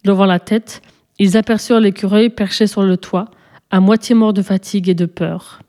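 A woman narrating a children's storybook in a calm, even storytelling manner. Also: medium pitch, normal speed.

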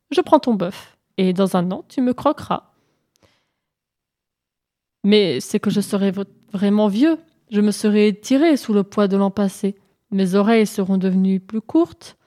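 A woman's voice: medium pitch, animated, measured pace, long pauses, warm tone, close to an everyday voice. A woman voicing a cunning male hare who is anxious and hesitant in a storybook tale. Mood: bargaining, anxious.

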